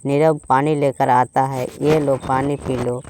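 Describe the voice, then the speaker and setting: A man's voice: medium pitch, flat delivery, measured pace, a little mellow, slight background noise, natural voice. A man voicing a chiding but motherly mother-in-law in a storybook tale. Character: mother-in-law, fussy then kindly. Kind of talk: storybook voice acting.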